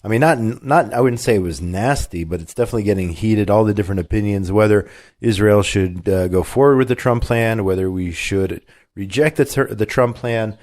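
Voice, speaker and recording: A man talks a little fast in a lowish, darkish voice while hosting a talk radio show with a cold. His delivery is chatty and opinionated as he reads the news, full of fillers and false starts.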